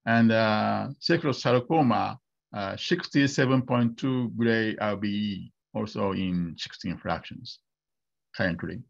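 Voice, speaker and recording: Hesitant man with gravelly slow speech. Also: on the low side, highs cut off. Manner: hesitant, many fillers and restarts. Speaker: invited radiation oncologist answering questions. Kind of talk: webinar Q&A answers.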